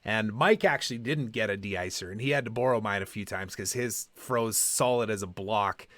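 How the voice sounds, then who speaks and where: A man's voice: lowish voice, moderate pace, fairly bright tone, no echo. A man hosting a podcast, telling personal stories in a casual, conversational way and acting out quoted dialogue. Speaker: podcast host.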